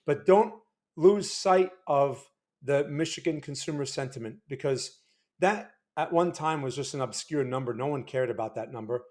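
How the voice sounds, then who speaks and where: A man with a mid-range, darkish voice hosts a market analysis livestream at normal speed, speaking into a desk microphone. He's loose and chatty, greeting viewers, reading out names from the chat, and often restarting his sentences.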